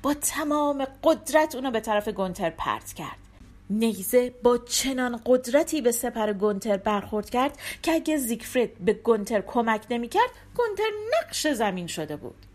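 Expressive woman folktale narrator. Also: on the high side. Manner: expressive, animated reading. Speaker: storyteller.

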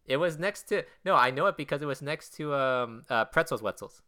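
A man's voice: mid-range voice, animated, a little fast, pushed and bright. A young man in casual chat who rambles and hesitates, often restarting his sentences.

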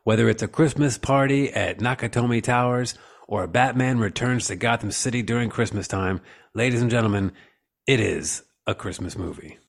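A man's voice: mid-range voice, normal speed, gravelly. A man hosting a casual comedy podcast, riffing in a playful, profane and theatrical way. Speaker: podcast host. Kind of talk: casual comic chat.

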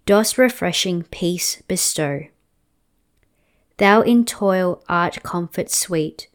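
A woman reading a liturgical hymn aloud as a church reader, solemnly and deliberately, line by line. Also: lowish voice. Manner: slow, deliberate, line-by-line phrasing.

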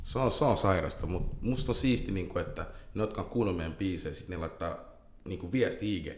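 Low-voiced man in an echoey room. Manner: loose, animated storytelling with English slang. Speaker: band vocalist. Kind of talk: casual interview chat.

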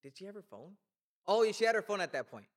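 Man, casual chat, animated film recap, frequent swearing, acts out lines. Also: high-pitched, quick pace. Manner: excitable, profane, acts out scenes. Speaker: film discussion podcast co-host.

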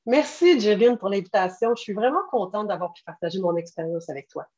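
Speaking fast in a mid-range, darkish voice, this late-forties woman with a French Canadian accent gives sincere interview answers as a podcast guest and patient partner. Her audio is narrow-band and a bit dull.

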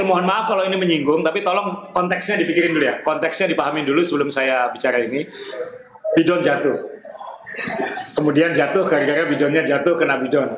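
A man hosting a casual podcast chat, animated and quick, laughing often. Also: a little high, noisy background. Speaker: podcast host. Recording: echoey room, faint ambience.

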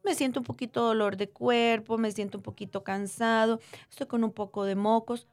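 A female doctor appearing as a guest breaks down medical topics for ordinary listeners, speaking simply, using diminutives, and frequently asking if they're following. She has a fairly high voice with fairly even intonation, a moderate pace, and no echo.

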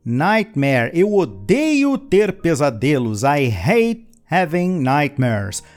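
A man with a high, very animated voice teaches English, moving from chatty explanations to slow, careful model sentences with playful asides to his learners. He takes his time overall, and soft music plays faintly behind him. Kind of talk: language lesson with repeat-after-me drills.

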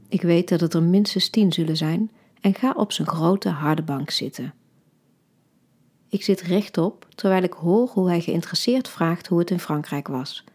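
A woman with a low, husky voice reads a short story aloud for her podcast. Her delivery is soft and intimate and often sinks to a near-whisper.

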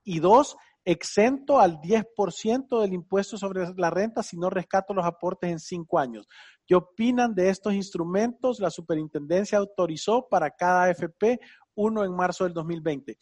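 A man's voice: high voice, moderate pace, darkish tone, slightly rough. A man with a Salvadoran Spanish accent hosting a casual financial advice show, enthusiastic and teasing. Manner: enthusiastic, teasing, uses vos. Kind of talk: casual radio advice chat.

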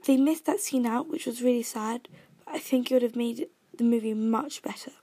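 Fairly high-pitched and warm, at a normal speed, this young woman from Kenya reads her scripted movie and music reviews out loud. She's a vlogger with a British accent and an earnest delivery.

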